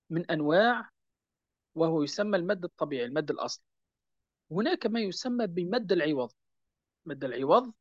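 A man teaching a lesson on Quran recitation rules, patiently repeating key points and slowing down to recite verse examples. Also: a little high, no room sound, highs cut off. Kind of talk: explanatory lesson on tajweed.

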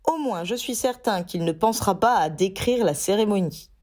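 A woman's voice: mid-range voice, animated, normal speed, a little mellow, lightly acted. A woman voicing a reluctant young wizard hero who speaks in a dry, ironic way. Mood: wry.

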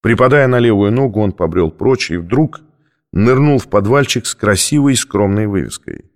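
A man calmly narrating a first-person novel as an audiobook. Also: on the low side, moderate pace.

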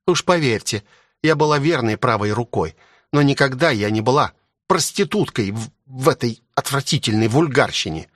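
A man voicing an ancient, spiteful woman guardian forced to serve as a maid, haughty and sharp-tongued, in an audiobook reading. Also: mid-range voice, lively intonation, normal speed, no room sound, clean studio sound. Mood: bitter, scornful.

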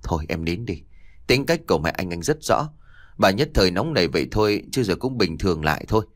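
A man doing a calm, soothing young husband. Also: low voice, quick pace, no echo, clean studio sound, pitched below the performer's own voice. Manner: gentle, reassuring.

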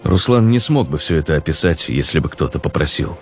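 A man narrating an audiobook in a measured, descriptive storytelling manner. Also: very deep voice, lively intonation, faint music behind.

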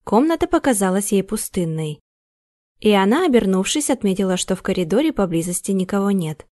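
A woman narrating an audiobook in an even storytelling delivery. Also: medium pitch, brisk, no echo. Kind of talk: scripted narration.

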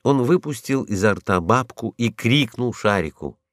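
A man's voice: medium pitch, animated, a little slow, no echo, studio quality. A man narrating a storybook, reading expressively.

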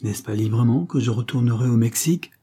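A man's voice: mid-range voice, fairly quick, warm tone, slightly rough. A man voicing a scheming, cruel Creole woman with a sugary, coaxing delivery in a read-aloud novel.

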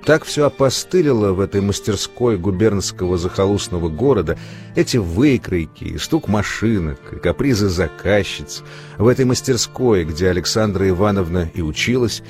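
A man narrating a classic short story in a measured, expressive reading style. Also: deep voice, faint music behind. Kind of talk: literary audiobook reading.

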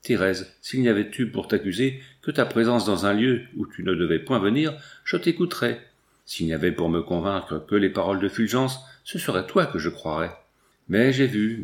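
A man voicing a young man, a stern and protective brother, speaking gravely and solemnly in a storybook reading. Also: lowish voice, expressive, moderate pace, lightly acted. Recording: roomy echo.

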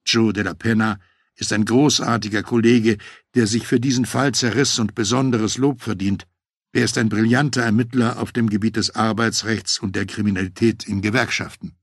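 Husky, low-voiced male memoir narrator. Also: fairly even intonation, dry recording, clean studio sound. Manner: measured, matter-of-fact first-person telling. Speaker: audiobook narrator.

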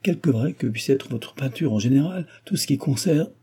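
A man's voice: mid-range voice, expressive, normal speed, dark tone, husky, pitched above the performer's own voice. A man reading aloud, voicing an earnest young woman who pleads her case in an old novel. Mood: distressed.

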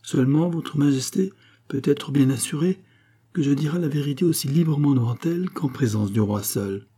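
A composed, deferential court doctor as a man reading the story voices him, measured and respectful. His voice is dark and softly husky. Storybook reading. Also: mid-range voice, voice pushed up, natural voice.

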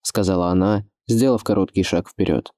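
Male audiobook narrator, very low voice, mellow dark tone, measured expressive reading, dry close sound. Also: no echo. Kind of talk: scripted literary narration.

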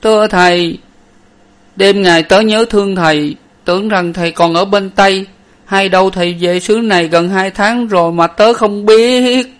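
High weepy young servant. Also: male voice, steady tone, normal speed, a bit bright. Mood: tearful pleading. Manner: high whimpering sobbing voice. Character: tearful young male servant, weepy, pleading.

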